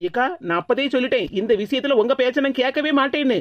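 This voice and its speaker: A woman voicing a sharp-tongued young wife in Tirunelveli Tamil. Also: sits high, fast talker, no room sound, highs cut off, natural voice. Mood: sarcastic. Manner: sarcastic, defiant.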